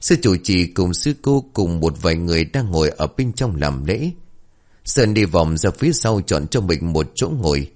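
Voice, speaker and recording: A man narrating a scripted ghost story in a steady, expressive way. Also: deep voice, moderate pace.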